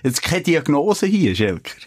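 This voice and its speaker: A man's voice: fairly high pitch, big pitch swings, measured pace, slightly rough, no room sound, clean studio sound. A man with a Swiss German accent co-hosting a podcast in casual chat, with playful, wry banter. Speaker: podcast co-host.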